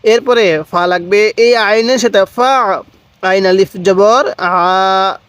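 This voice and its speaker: A man's voice: high-pitched, fairly bright tone, clean tone, no room sound. A man teaching Quran reading, spelling out letters one by one and coaxing the listener to repeat aloud, with a Bangladeshi Bengali accent. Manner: spells out letters slowly, then blends them; coaxes viewers to repeat aloud. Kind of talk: step-by-step spelling lesson.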